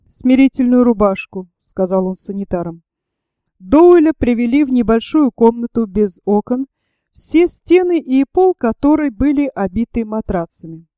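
A woman narrates a novel in a calm, measured audiobook delivery, her voice somewhat high yet dark and mellow in tone. The recording is dry and close-miked.

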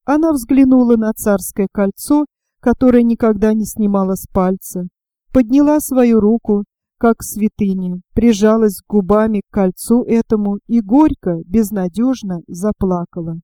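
Woman narrating in a mellow, dark tone. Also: medium pitch, unhurried, dry recording. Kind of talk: audiobook narration of a historical novel.

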